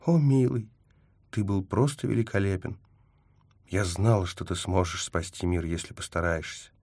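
A man's voice: low-pitched, moderate pace, a little mellow, dry recording, studio quality. A man reading an audiobook, voicing a capricious young woman agent who teases, scolds and adores by turns. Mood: adoring. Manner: teasing, mood swings from scolding to tender. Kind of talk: audiobook character voice.

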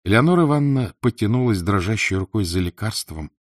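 A man narrating an audiobook in an expressive, dramatic reading. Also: lowish voice, quick pace, no echo, studio quality. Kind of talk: scripted narration.

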